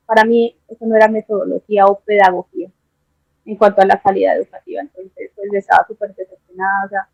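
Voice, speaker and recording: A young Colombian woman with a Colombian accent, telling her story as an interview guest in a casual, animated way and acting out the exchanges she quotes. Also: mid-range voice, creaky, dry recording. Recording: tinny dry phone-like line.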